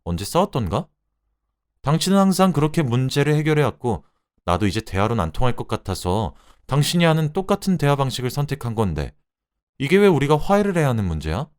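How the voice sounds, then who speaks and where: A man voicing a fed-up young wife who shouts and scolds her husband in a Korean radio-drama story reading. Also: lowish voice, very animated, fairly quick. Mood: sharp. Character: furious fed-up young wife, sharp-tongued.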